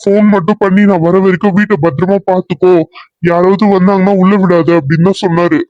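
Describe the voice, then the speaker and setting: A man's voice: sits high, steady tone, fast talker, no room sound, lightly acted. A man voicing a scared hired helper in a cartoon serial who pleads that he knows nothing. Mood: pleading. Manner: pleading, insistent denials. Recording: dull, dry lo-fi recording.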